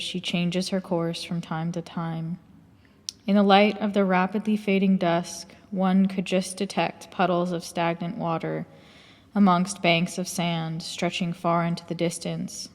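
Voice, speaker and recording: A woman reading a first-person memoir aloud in a measured, reflective way. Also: on the low side, long reverb tail. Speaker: audiobook narrator.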